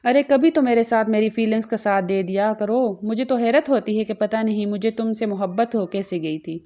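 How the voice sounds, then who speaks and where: A woman's voice: on the high side, mellow, highs cut off, lightly acted. A woman reading as a coaxing young man. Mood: chiding. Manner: persuasive, insistent speech.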